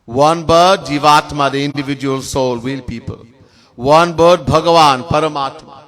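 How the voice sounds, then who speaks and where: Trinidadian swami chanting and teaching. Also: male voice, a little high, fairly even intonation, a bit bright. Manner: chants Sanskrit verses slowly in a sung tone between spoken teaching; lists words in long spoken series. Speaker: swami giving a spiritual discourse. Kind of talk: sermon. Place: temple.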